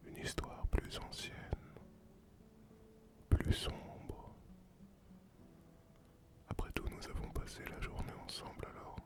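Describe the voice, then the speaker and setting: A performer voicing a solitary male sea captain and former pirate in a whispered role-play, breathy and unvoiced, telling the tale slowly and poetically to the listener. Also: natural voice. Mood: wistful, serene. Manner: slow, poetic storytelling addressed to the listener.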